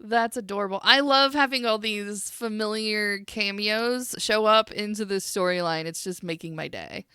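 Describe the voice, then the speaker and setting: A woman's voice: medium pitch, moderate pace, few pauses, pushed and bright, smooth, no echo, studio quality. A woman co-host who chats casually and reacts to a man's drawings with gushing enthusiasm. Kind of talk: casual chat.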